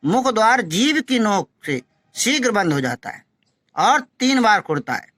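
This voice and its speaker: A male teacher giving a phonetics lesson, who slowly demonstrates each sound, repeats syllables and urges his students to practise. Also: high-pitched, sing-song, a bit bright, dry recording.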